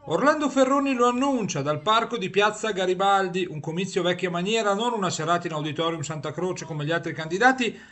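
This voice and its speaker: A man's voice: high-pitched, animated, fairly quick, hardly any pauses, a bit bright. A man reading scripted news narration as a reporter.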